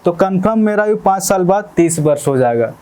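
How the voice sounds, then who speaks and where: A male maths teacher with a fairly high-pitched voice. His tone is soft and dark rather than bright. He works through exam problems step by step, repeating phrases and checking in with students again and again. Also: animated, a little fast, smooth. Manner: explains step by step, repeats phrases, asks "ठीक है?" often. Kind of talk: exam-prep maths lesson.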